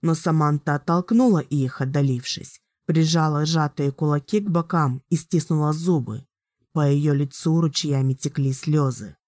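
A woman with a low voice narrates an audiobook in a measured, dramatic way. The recording is close and dry, with no room sound. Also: darkish tone, no room sound. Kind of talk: scripted narration.

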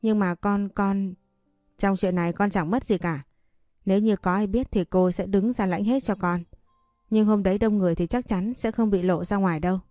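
A woman's voice: mid-range voice, steady tone, moderate pace, dark tone, dry recording, clean studio sound, faint music behind, lightly acted. A woman reading a story voicing a scheming woman who coaxes a servant over the phone. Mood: coaxing. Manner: coaxing, persuasive.

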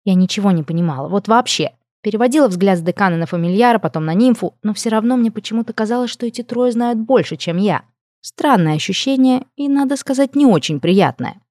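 A woman reads a first-person story aloud in an expressive way. Her tone is warm and mellow, and the sound is close and dry. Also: mid-range voice, fairly quick, dry recording. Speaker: narrator. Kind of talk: first-person audiobook narration.

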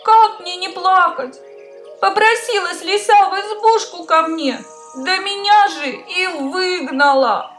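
A woman's voice: high voice, big pitch swings, takes it slowly, a bit bright, faint music behind, pitched above the performer's own voice, full character voice. A woman playing a weepy little hare. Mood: tearful, plaintive. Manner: plaintive whining. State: crying. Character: small tearful male hare, pitiful.

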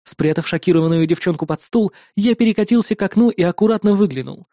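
A woman reads a first-person story with even, steady storytelling. Her tone is mellow and warm, recorded dry and close. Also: on the low side, fast talker, dry recording. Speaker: audiobook reader. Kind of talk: first-person scripted narration.

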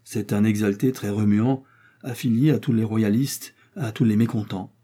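A man's voice: fairly low pitch, fairly even intonation, normal speed, mellow, natural voice. A man voicing a vindictive revolutionary official who speaks in a dry, incisive, self-righteous way. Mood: smug.

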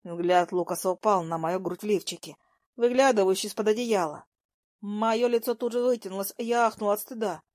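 A young woman narrating a first-person story in a soft, even voice at a middle pitch. The recording is dry and close, with no room sound. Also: fairly quick, no room sound.

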